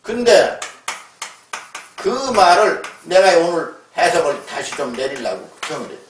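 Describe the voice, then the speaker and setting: A man's voice: fairly high pitch, sing-song, a little slow, slight background noise. A man giving an emphatic, scolding lecture, often tagging rhetorical questions onto his points. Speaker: lecturer on word origins. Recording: echoey room, voice far from mic.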